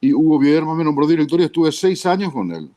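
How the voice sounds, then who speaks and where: A man in his fifties with a Paraguayan Spanish accent, a trained broadcaster telling his career story as an interview guest, with clear diction and a measured way of talking. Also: fairly high pitch, sing-song, dark tone, no echo. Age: 50s. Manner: measured, tags lines with a questioning aside.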